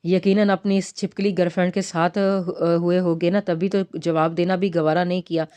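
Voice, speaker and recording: A woman's voice: on the low side, level tone, moderate pace, darkish tone, clear, resonant tone, lightly acted. A woman voicing a feisty young wife who teases and scolds her husband sharply. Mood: scolding.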